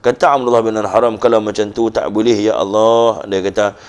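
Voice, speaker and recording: Male religious teacher, northern Malaysian accent, animated storyteller voice for a youth talk. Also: a little fast, clear, resonant tone. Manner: animated storytelling, voicing quoted figures with rising pitch.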